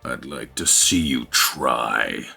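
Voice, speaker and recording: A cold, cruel young villain , put on by a man, who growls his threats low and slow. Each taunt drips with contempt. The voice sits far below an everyday speaking pitch, with a bright edge and faint music underneath. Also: expressive, vocal fry, slightly rough, full character voice. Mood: menacing.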